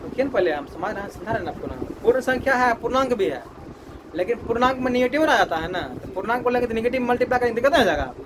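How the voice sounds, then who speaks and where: A man's voice: very high voice, expressive, racing, noisy background. A man teaching a maths class, repeating his questions to the students and drilling the answers.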